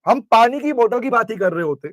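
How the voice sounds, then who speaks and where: A man teaching a class, lively, constantly questioning his students and acting out examples. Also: very high voice, brisk, no room sound. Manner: lively, questioning students, mixes English terms into speech. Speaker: commerce teacher. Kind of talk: classroom lecture with role-play. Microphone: camera recording in class.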